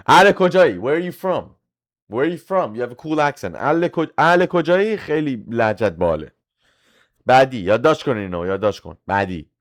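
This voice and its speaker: A man teaching a live online English class, chatty and joking, switching between Persian explanations and slow, carefully spoken English phrases. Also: medium pitch. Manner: animated, mixes Persian and slow, clearly drilled English phrases; chatty and joking, talks to the chat.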